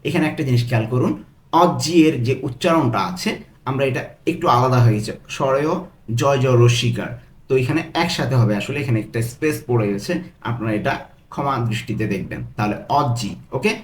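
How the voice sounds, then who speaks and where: A man teaching Italian phrases, repeating each slowly, word by word. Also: mid-range voice, animated, reverberant. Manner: slow, broken-down repetition of phrases. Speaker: language tutor. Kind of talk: Italian lesson taught in Bengali.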